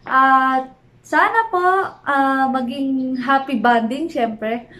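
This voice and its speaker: A woman's voice: high voice, drawn-out words, pushed and bright, poor audio. A young woman hosting a casual vlog, chatty with sing-song greetings and frequent laughter, recorded while out commuting. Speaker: vlogger host. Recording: phone vlog with vehicle noise.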